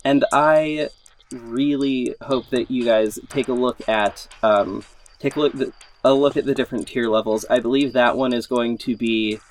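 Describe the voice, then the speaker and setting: A podcast host and audio drama creator gives a casual update in an informal, rambling way, repeating words for emphasis. His voice is medium-pitched with fairly even intonation and a moderate pace. Background music plays behind him.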